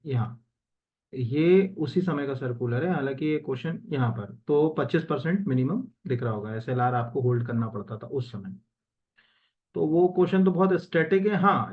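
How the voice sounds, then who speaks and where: Man, exam coaching teacher, casual explaining, mixes English terms into Hindi, filler-heavy, mid-pitched voice, dull lo-fi recording. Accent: Hindi with English terms mixed in. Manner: conversational, many fillers and self-corrections. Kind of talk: explaining exam answers while screen-sharing.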